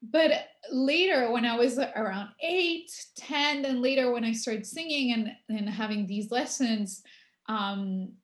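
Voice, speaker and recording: A young woman who grew up in Argentina, a musician answering interview questions in an unhurried way with many pauses. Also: on the high side. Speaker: guest musician. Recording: roomy echo.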